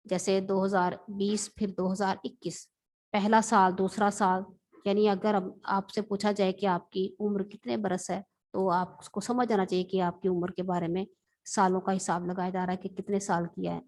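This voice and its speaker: A woman teacher from Pakistan, giving a patient, explanatory vocabulary lesson and repeating words slowly. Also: mid-range voice, little pitch movement, darkish tone.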